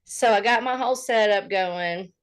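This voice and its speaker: Speaking at normal speed in a medium-pitched voice, this livestream co-host keeps the talk chatty and casual, laughing frequently and getting loud in bursts. Her streaming microphone runs through a compressor, giving a heavily compressed sound.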